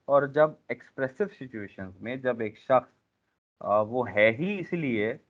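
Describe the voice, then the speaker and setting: A man teaching a class in a lecture style, pausing often with fillers and speaking directly to his trainees. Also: mid-range voice, animated. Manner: frequent filler pauses, addresses class directly. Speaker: instructor. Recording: tinny phone-like lecture recording.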